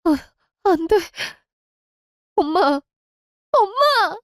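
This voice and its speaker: Woman playing a distraught young wife, pleading, smooth clear voice, dry sound. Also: a little high, expressive, normal speed, darkish tone, no room sound, natural voice. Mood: desperate. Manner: pleading, emotional.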